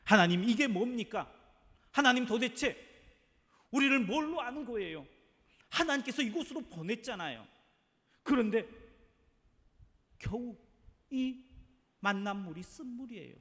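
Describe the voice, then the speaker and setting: Pastor acting out loud, accusing desert grumblers. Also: male voice, very high-pitched, moderate pace, long pauses, voice pushed up. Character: desperate grumbling Israelite wanderers in the desert. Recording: long church hall reverb.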